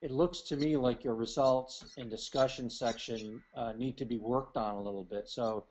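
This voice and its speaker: A man giving feedback as an academic thesis advisor, measured and halting, repeating phrases for emphasis. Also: mid-range voice, steady tone, a little mellow. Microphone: remote call. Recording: dull call audio with noticeable noise.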